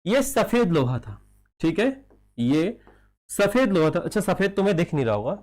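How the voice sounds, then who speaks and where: A man with a Hindi accent gives a chemistry lesson in a high, ringing voice. He keeps putting questions to the class and answering them himself, and calls his students "child". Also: sing-song, moderate pace, darkish tone. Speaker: chemistry teacher. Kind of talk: classroom lecture.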